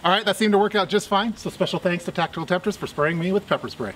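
A man's voice: high voice, fast talker. Man reviewing gear, faint noise. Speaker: host, product reviewer. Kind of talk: presenting a product review. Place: hedged backyard, outdoors.

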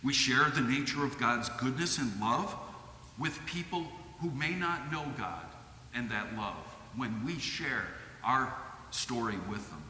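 A middle-aged man with a Midwestern American accent preaching a sermon from a lectern, in a measured, earnest way. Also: mid-range voice, animated, sharp tone, slight background noise. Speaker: lay preacher. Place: church sanctuary with stained glass. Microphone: lectern microphone. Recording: echoey church hall.

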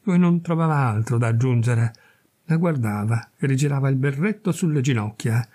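Dark, husky male storyteller. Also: medium pitch. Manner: measured, dramatic storytelling. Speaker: reader, narrator. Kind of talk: audiobook narration of a classic short story.

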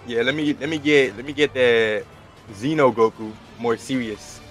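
A man's voice: medium pitch, normal speed, over music. A man playing a fighting game with a friend, teasing and laughing with loose slang and trash talk. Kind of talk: casual gameplay chat with friends.

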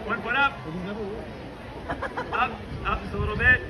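A man's voice: very high voice, steady tone, unhurried. A man hosting a live outdoor comedy trick show, giving joking, sardonic patter to the audience. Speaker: street show performer and host. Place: outdoor fair show ground, filmed from the crowd. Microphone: camera in the audience, at a distance. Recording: outdoor crowd noise, recorded from the audience.

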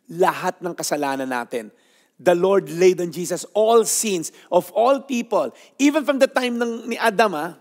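A Filipino-accented pastor in his fifties giving an animated, emphatic devotional talk, seated on a sofa with a clip-on mic. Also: high voice, big-room sound. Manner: animated, code-switching, emphatic. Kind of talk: devotional teaching. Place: studio set styled as a living room, on a sofa.

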